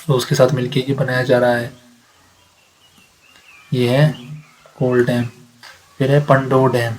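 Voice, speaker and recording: A man's voice: mid-range voice, poor audio. A man teaching exam facts in a lecture, asking himself questions and answering them, repeating key points. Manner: repeats facts, asks and answers himself, mixes English readings. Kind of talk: explanatory lecture.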